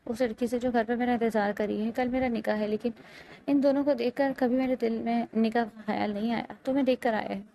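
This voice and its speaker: An earnest young police officer, torn and pleading, then blunt and firm, as a woman reader voices him. The voice sits fairly high and mellow, with a gravelly edge, as in an audiobook. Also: fairly even intonation, lightly acted.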